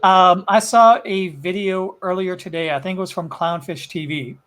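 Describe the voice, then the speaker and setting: A man on a casual online panel, briskly listing trivia and agreeing with the host. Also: high-pitched, steady tone, fairly bright tone.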